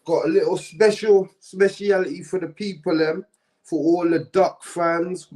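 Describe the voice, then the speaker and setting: Sounding high and unhurried, this man runs a live-streamed interview with a casual, easygoing manner. He frequently tacks slang onto the ends of his questions.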